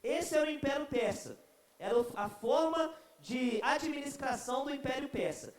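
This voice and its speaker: A young man preaching to a youth group, telling a story in an animated, comic way. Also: very high-pitched, moderate pace, a little hiss or hum. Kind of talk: storytelling sermon. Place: church. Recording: echoey church hall.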